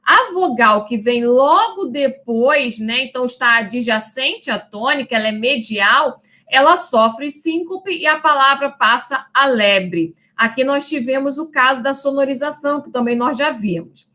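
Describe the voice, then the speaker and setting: Bright, high-voiced woman teaching a lesson. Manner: didactic, checks in with "né?" and "tá?"; stretches out example words slowly. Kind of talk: recorded lecture.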